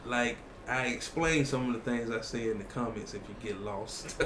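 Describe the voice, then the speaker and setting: A man's voice: mid-range voice, moderate pace, background noise. Joking Southern man in an echoey room. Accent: Deep South US. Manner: joking, loose. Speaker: podcast host. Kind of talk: casual podcast chat.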